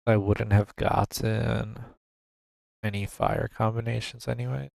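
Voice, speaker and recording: Gravelly male streamer, close dry mic, low-key muttered game commentary. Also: unhurried, no room sound. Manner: relaxed, musing, thinking aloud. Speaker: gaming streamer. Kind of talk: casual gameplay commentary. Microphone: desk microphone.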